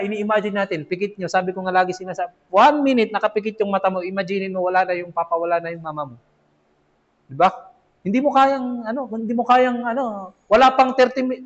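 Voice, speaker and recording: A man's voice: high voice, brisk. A man giving a casual Islamic lesson in a mosque, talking conversationally and often checking in with his listeners. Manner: conversational, asks "di ba?" often, acts out children's replies. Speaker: imam teaching a weekly class. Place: mosque classroom. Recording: dull lo-fi recording.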